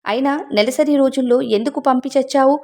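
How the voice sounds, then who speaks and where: Harsh scolding lady employer, middle-aged, curt, higher voice, as a woman narrator puts her on. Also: brisk, darkish tone.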